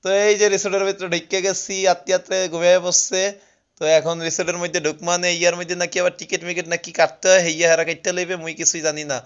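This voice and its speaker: A man's voice: high voice, flat delivery, rapid-fire, dull audio. A man from Barishal with a Barishal accent, casually narrating a travel vlog at a resort, joking and chatty, often checking that listeners follow him. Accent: Barishal dialect of Bengali. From Barishal, Bangladesh. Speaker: vlogger. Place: outdoor resort with swimming pool.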